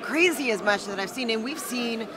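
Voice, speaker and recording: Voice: mid-range voice, lively intonation, moderate pace. An emphatic, alarmed lucha libre announcer giving casual live color commentary and repeating phrases for emphasis. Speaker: wrestling co-commentator. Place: indoor wrestling venue, near the ring. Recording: crowd noise in wrestling venue.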